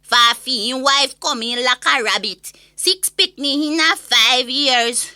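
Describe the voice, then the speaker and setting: Casting: woman as opinionated Jamaican granny, high and very sharp voice, indignant gossipy comic monologue. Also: takes it slowly, dry recording, studio quality, exaggerated voice. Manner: gossipy, exasperated, animated storytelling. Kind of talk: comic monologue rant in an audio story.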